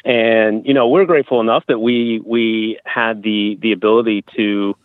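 Male interview guest, thirties, low voice, thin phone audio, conversational and personal. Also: steady tone, normal speed, no room sound, narrow, tinny audio. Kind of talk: casual conversational interview, telling personal experiences. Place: outdoors at a campground.

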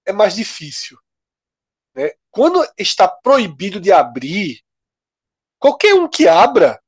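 A man's voice: high voice, wildly swooping pitch, slow pace, breathy edge, dry recording. A man co-hosts a casual panel show. His voice rises and falls a lot as he lays out his points in loose, slangy talk. The sound is close and dry. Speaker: co-host.

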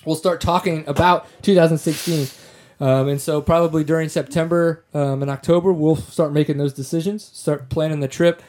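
A man's voice: on the high side, fairly even intonation, normal speed, darkish tone. Rambling, laid-back male podcast host. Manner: rambling, restarts phrases, laughs often. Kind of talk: casual podcast chat.

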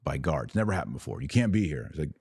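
A man with a very low voice speaks close and dry, like a podcast host thinking aloud, giving casual, colloquial religious commentary built on short, punchy, repeated phrases. His delivery is sing-song and quick, a little mellow with a breathy edge, and there is no room sound.

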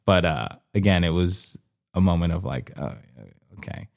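A young Colombian man with a fairly low, gravelly voice is a guest in a relaxed interview, telling personal stories. A comedian and former dancer, he speaks informally and haltingly, often restarting, rewording himself and seeking agreement with "you know."

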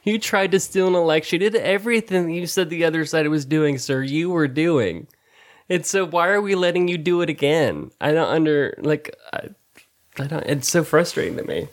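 A man co-hosting a podcast in casual chat, animated and profane, laughing often. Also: on the high side, moderate pace. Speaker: podcast co-host.

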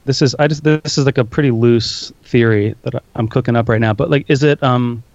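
A man's voice: mid-range voice, fairly quick, darkish tone, dry recording. A man co-hosting a podcast in casual chat, rambling and self-mocking with many fillers. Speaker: podcast co-host. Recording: dull, dry lo-fi podcast audio.

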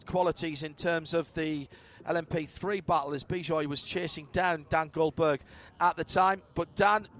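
A high-pitched man delivering race commentary. His wrap-up of the results is chatty, with a dry, wry touch. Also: fairly bright tone.

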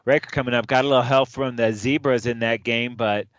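A man's voice: medium pitch, steady tone, brisk, fairly bright tone, no room sound. A man chatting football picks in an easy, jokey way, tossing in "dude" as he goes. The sound is dry and close, a little muffled. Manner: loose, jokey, calls his partner dude. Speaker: sports podcast co-host. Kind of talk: casual sports chat.

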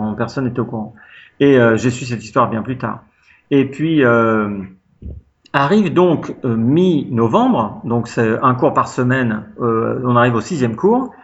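A man's voice: medium pitch, a bit bright, lo-fi sound. A man from France telling a long personal anecdote in a casual interview, chatty and full of fillers. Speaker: interview guest, pianist. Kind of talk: casual storytelling.

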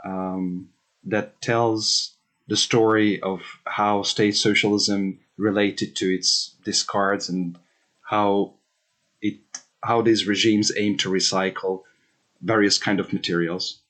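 A man's voice: on the low side, flat delivery, slow pace, fairly bright tone. A man from Hungary in his thirties, a researcher answering interview questions thoughtfully, with many fillers and restarts.

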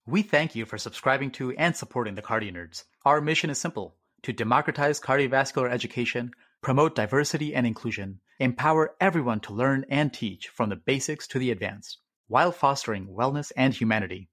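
A man's voice: medium pitch, a little fast, a bit bright. A man hosting a medical podcast, upbeat and effusive as he welcomes guests. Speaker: podcast host.

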